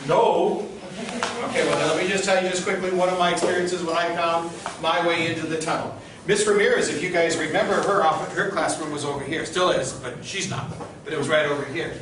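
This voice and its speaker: Man, middle-aged, tour guide, conversational storytelling, slightly high pitch, clearly noisy recording. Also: fairly even intonation, brisk. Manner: conversational, asks listeners questions. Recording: distant, very echoey, noisy group-tour recording.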